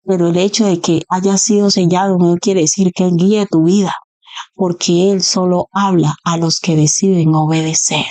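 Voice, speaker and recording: A woman preacher delivers an earnest sermon in a low-set voice. She drives her points home with rhetorical questions aimed at her listeners. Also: fairly even intonation, moderate pace, mellow.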